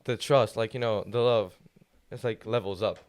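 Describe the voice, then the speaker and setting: A man's voice: fairly low pitch, fairly even intonation, normal speed, clear, resonant tone. A teenage man from Poland with a Polish accent, a guest speaking in casual podcast chat who searches for words with many fillers. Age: teens. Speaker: guest, student youth leader.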